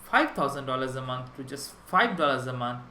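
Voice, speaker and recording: A man's voice: medium pitch, animated, brisk, sharp tone, roomy sound, slight background noise, low-quality recording. A young man from Sri Lanka giving a prerecorded conference talk on web development, enthusiastic and explanatory, with small restarts.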